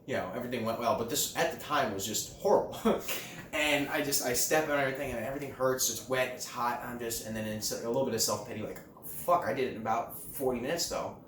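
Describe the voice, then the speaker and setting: A man's voice: mid-range voice, fast talker, fairly bright tone. A young man vlogging, telling a story casually with lots of swearing and self-mockery. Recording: roomy, distant mic with faint background noise.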